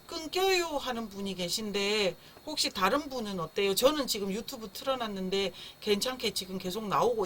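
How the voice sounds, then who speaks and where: A woman's voice: medium pitch, fairly bright tone, slight background noise. A woman teaching a live online parenting class in a friendly, explanatory way, at times imitating the sound of a baby crying. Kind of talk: live-streamed online lecture. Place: indoor room, streaming live.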